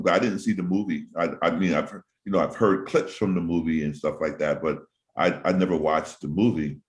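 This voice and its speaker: A man hosting a casual interview, talking at length in a thoughtful, rambling way with frequent pauses and um's. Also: sits low. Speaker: host.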